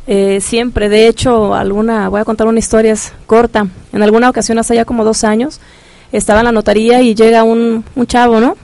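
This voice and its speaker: A woman's voice: a little high, a little fast, no echo. A woman who works in a parish office, telling a story casually and acting out the voices of the people in it. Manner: animated, acts out quoted voices.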